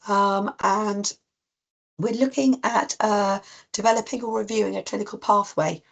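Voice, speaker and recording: A woman with a cold, husky and coughing, giving an informal online talk to practice teams with many ums and restarts. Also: mid-range voice, steady tone, unhurried. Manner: rambling with frequent ums and restarts. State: coughing, voice strained. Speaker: clinical lead presenting to practice teams. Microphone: video call.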